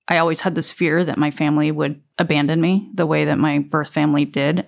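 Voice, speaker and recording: A woman's voice: deep voice, gravelly. A woman in her forties candidly telling her own life story in a reflective, conversational way with casual fillers. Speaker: interviewee. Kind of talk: personal storytelling.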